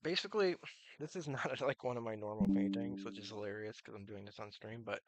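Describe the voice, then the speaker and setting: A man live streaming in casual, rambling chat, with slurred, toothless articulation and a halting, meandering way of talking. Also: fairly low pitch, dry recording.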